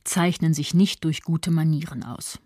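A woman voicing a calm, spiteful old woman who speaks slowly with quiet mockery, in a low husky voice. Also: no echo, studio quality. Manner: slow, malicious, mocking.

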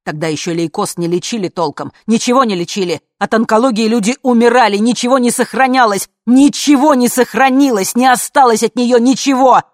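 A woman voicing a tense dead husband who insists and shouts in a storybook. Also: low-pitched, moderate pace, no echo, studio quality, close to an everyday voice. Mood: insistent.

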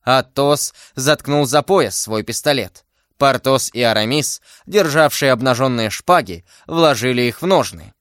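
This is a man reading a classic novel aloud as an audiobook. His pitch sits in the middle range and his delivery is steady and measured. The recording is close and dry, with no room around it. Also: no echo. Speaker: reader. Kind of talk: audiobook narration.

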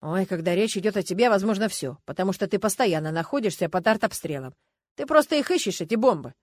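A woman's voice: medium pitch, animated, quick pace, no echo, lightly acted. A woman voicing a suspicious husband who grumbles and lectures warily.

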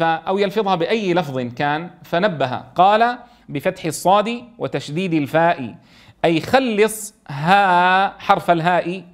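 High-voiced teacher drawing out sounds. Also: male voice. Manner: keeps checking understanding, slowly draws out sounds to demonstrate. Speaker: Quran recitation teacher. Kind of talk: explaining a tajweed text in class.

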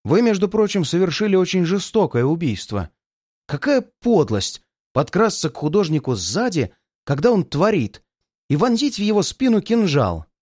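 A cocky young detective who jokes and needles the villain even while tied up, as a male reader plays him. His voice rides a little high and lively in a dry, close recording. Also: moderate pace, no echo. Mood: accusing. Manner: sarcastic, laughing.

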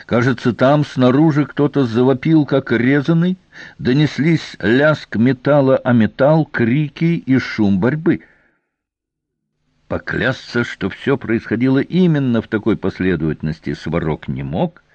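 A man reading a fantasy audiobook as narrator, with even, steady storytelling, in a dry, slightly dull recording. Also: mid-range voice, unhurried, no room sound.

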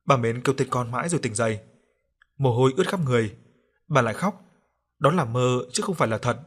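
Husky-voiced man telling a ghost story. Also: mid-range voice, quick pace. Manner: acts out a grieving mother's pleading in raised voice. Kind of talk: scripted ghost story narration. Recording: faint music underneath.

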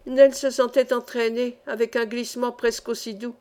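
A woman reading an adventure novel aloud in steady, expressive scripted narration. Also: a little high, normal speed. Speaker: audiobook reader.

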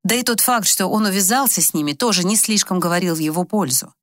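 A woman narrating an audiobook in a measured, expressive storytelling manner. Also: mid-range voice, no room sound, studio quality.

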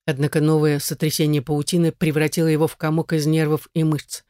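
An audiobook narrator with a mid-pitched voice, reading in a measured, dramatic way. The sound is dry and close. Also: flat delivery, mellow, clean tone, dry recording.

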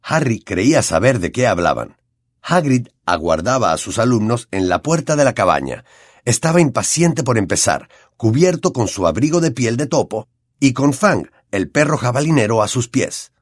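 A man with a Latin American Spanish accent narrating an audiobook in an expressive storytelling way. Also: mid-range voice, normal speed, no echo, studio quality.

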